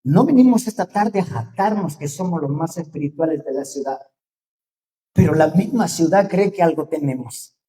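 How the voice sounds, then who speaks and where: A man with a Mexican accent preaching a sermon to his congregation, talking conversationally and dropping to quiet asides. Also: on the high side, expressive, moderate pace. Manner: conversational, drops to quiet asides, rises when reading scripture. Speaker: pastor.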